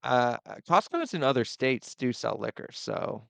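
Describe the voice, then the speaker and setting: A wry podcast co-host from North Dakota, talking casually with lots of hesitant fillers. The voice is gravelly and swings lively in pitch, recorded dry and close. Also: normal speed, no echo.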